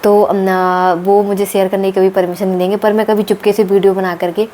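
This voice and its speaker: A woman talking casually to her viewers in a late-night home vlog, with many fillers and throat clearing. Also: medium pitch, level tone, fairly quick, mellow, slight background noise. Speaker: vlogger.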